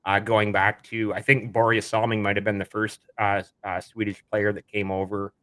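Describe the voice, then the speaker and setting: A man's voice: lowish voice, level tone, normal speed, fairly bright tone. A Canadian man hosting a podcast, asking eager, rambling questions of his guest. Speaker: podcast host. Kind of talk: podcast interview.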